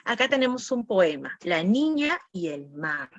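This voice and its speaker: A woman's voice: mid-range voice, big pitch swings, unhurried, no room sound, highs cut off. A woman teaching an online class for teachers, going over quiz answers, naming students and repeating key words. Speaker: teacher training instructor.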